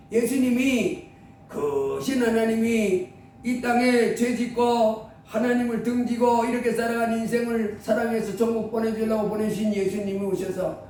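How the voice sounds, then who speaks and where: A man with a strikingly high voice preaches a sermon in a casual, conversational manner, throwing out rhetorical questions and slipping into the voices of the people he quotes. He sounds far from the mic in a heavily echoing hall, with a faint rumble underneath. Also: darkish tone. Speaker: pastor.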